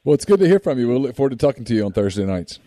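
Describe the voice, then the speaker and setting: A man's voice: medium pitch, big pitch swings, rapid-fire, warm tone. A man chatting casually as the host of a call-in show. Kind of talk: casual chat.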